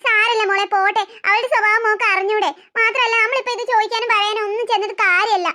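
A woman voicing a fussing, coaxing middle-aged mother in a cartoon story, gently scolding her daughter. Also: very high-pitched, steady tone, quick pace.

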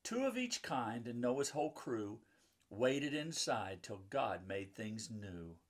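With a sing-song delivery at medium pitch and a slow pace, a pastor in his fifties reads a children's story, stopping for chatty asides that explain things simply to young listeners. He is a children's book author, and he's in a book-lined room at home or an office.

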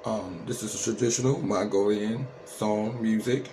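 A man's voice: lowish voice, steady tone, normal speed, noisy background. A man in his thirties from New Jersey with an American accent, giving casual, slangy reaction commentary. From Trenton, New Jersey, USA. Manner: slangy, repetitive tag questions. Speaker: reaction video host.

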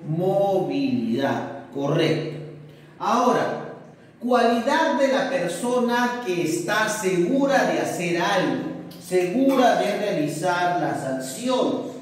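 A young male teacher, filmed from across an indoor whiteboard room, talks through a lesson in a fairly high voice at an unhurried pace. He keeps asking questions as if he were a student, answers them himself and checks in with tag questions. The sound is very echoey and a little distant. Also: sing-song, slight background noise. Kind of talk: classroom lesson recorded for distance learning. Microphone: camera across the room.

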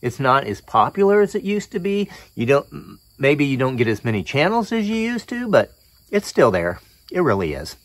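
Outdoors among insect noise, a middle-aged American man presents his hobby in an unscripted, folksy show-and-tell from a yard and a roof. His medium-pitched voice swings widely in pitch at a normal speed.

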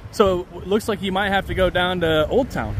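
A man's voice: high-pitched, moderate pace. A man in his thirties narrating a casual walking tour outdoors, musing aloud as he points things out, recorded on a handheld camera. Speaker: vlogger giving a walking tour. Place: outdoors along a busy city street. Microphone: handheld camera mic with a front selfie view. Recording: outdoor street with faint traffic noise.

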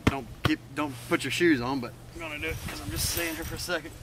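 A young man's fairly high voice moves at a quick pace as he gives a loose, laid-back tour of his campsite by the river. This camping vlogger chuckles often. The handheld camera mic picks up faint outdoor noise.

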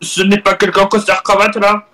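Bright, hesitant young man. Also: sits high, completely flat delivery, fairly quick. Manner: hesitant, many fillers. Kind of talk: live game role-play.

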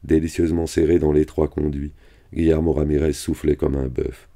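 A man reading a novel aloud in a steady, measured delivery. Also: rumbling low. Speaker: reader.

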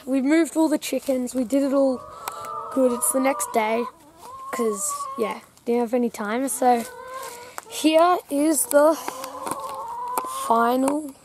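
A woman with a high voice talks slowly and loosely on a farm, filling gaps with casual fillers. She records herself on a handheld camera in the open air. The audio is noisy, with animals and a vehicle in the background. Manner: chatty, loose, full of fillers. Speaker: farm vlogger. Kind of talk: casual vlog narration. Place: outdoors on a farm paddock. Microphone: handheld camera mic. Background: outdoor ambience, animals, vehicle.

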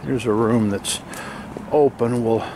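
Out on the grounds of a derelict motel, a man vlogging his exploration muses casually as he walks, narrating off the cuff from behind his handheld camera. His mid-range voice moves slowly, and the camera mic records a lot of outdoor noise and ambient roar.

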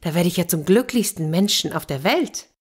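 A naive, eager young man from a storybook, always delighted with his lot, as a woman reader puts him on. The voice is pitched up from her usual low register and sounds bright-eyed and earnest. He speaks with wide-eyed enthusiasm. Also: animated, moderate pace, husky. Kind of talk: children's fairy tale reading.

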